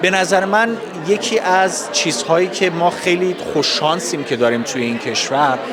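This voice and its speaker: A man with an Iranian Persian accent giving formal, courteous, halting interview answers. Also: high voice. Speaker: festival organizer interviewee. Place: public festival space with crowd. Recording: busy crowd noise, outdoor public event.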